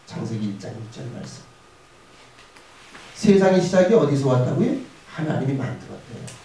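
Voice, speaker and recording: A male pastor giving a lively chapel sermon to students, acting out prayers and quizzing the audience. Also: mid-range voice, moderate pace. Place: school chapel. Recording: echoey hall, mic from far off.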